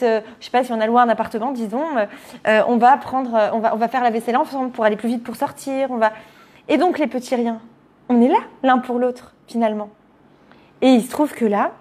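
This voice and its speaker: A woman's voice: a little high, a little mellow. A woman giving relationship advice to an audience, speaking earnestly and explaining her points through rhetorical questions.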